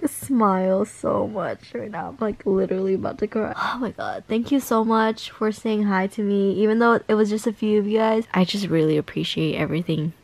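A woman's voice: medium pitch, moderate pace, vocal fry, few pauses, a little mellow, no room sound. A tired young woman chatting casually in a vlog, gushing affectionately over fan messages. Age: young adult. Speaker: vlogger reading fan messages.

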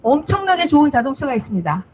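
A woman's voice: sits high, very animated, fast, slight background noise, poor audio. A woman preacher telling a Bible story in a simple storytelling sermon, repeating words for emphasis and asking her listeners questions. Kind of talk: children's-style sermon storytelling.

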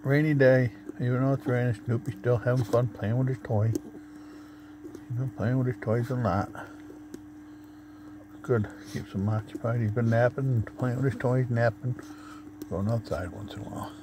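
A man's voice: mid-range voice, steady tone, normal speed, pauses often, noisy background. A man recording a casual camping video diary inside a camper, talking in a plain, matter-of-fact way on a handheld phone. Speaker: camping vlogger. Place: inside a camper, rain outside.

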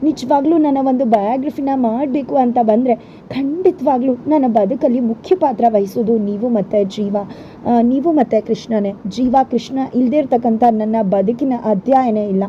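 A woman's voice: a little high, moderate pace, slight background noise, close to an everyday voice. Woman reading as an earnest young bride-to-be. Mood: heartfelt. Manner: earnest, heartfelt. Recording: dull lo-fi recording.

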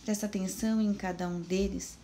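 Brazilian woman teacher talking to kids, soft mellow voice, kinda far from the mic, echoey room w faint hum. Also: mid-range voice, steady tone. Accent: Brazilian Portuguese. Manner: gentle, encouraging, speaks slowly and clearly to children. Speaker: primary school teacher. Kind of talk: remote video lesson for children. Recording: roomy, distant mic with faint ambient noise.

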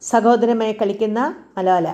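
A woman reading a documentary script aloud at a steady, even pace, announcing each scene. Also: fairly high pitch, moderate pace. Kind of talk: read-aloud script narration.

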